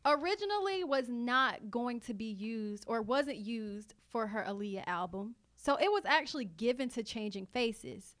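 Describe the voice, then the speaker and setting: A woman co-hosting a podcast in casual chat, recounting things in a reflective, unhurried way. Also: a little high, animated, fairly bright tone. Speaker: podcast co-host.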